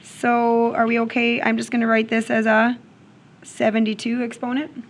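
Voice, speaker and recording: A woman with a fairly high voice speaks at a moderate pace in a completely flat delivery. She is teaching math to a classroom of students, working through problems aloud and checking in often with "okay?"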